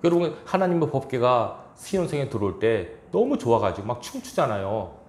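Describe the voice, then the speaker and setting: A man's voice: mid-range voice, big pitch swings, a little fast, darkish tone, echoey room. A man pastor preaching a sermon in a church, chuckling now and then and acting out quoted lines. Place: church sanctuary.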